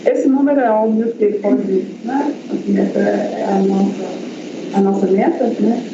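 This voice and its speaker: A researcher gives a seminar talk on his project in a university lecture room, his voice high, steady and measured, with vocal fry. His delivery is halting, packed with fillers and restarts. The audio is muffled, low-fidelity and noisy, with lots of hall echo.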